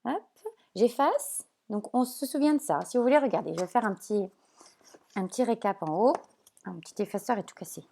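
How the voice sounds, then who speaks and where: A woman teacher explaining spelling sounds at a whiteboard, slow and patient, checking often that her pupils follow. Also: mid-range voice, expressive, vocal fry, dark tone. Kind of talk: remote classroom lesson at a whiteboard.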